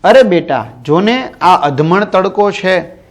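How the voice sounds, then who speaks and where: A fretful old father yelling for help around the house, as a man reads him aloud. He calls out loudly in alarm, in a fairly high voice. It is storybook reading in a classroom lesson. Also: expressive, slow pace, full character voice. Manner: shouting in alarm. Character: panicky old father shouting about sunlight.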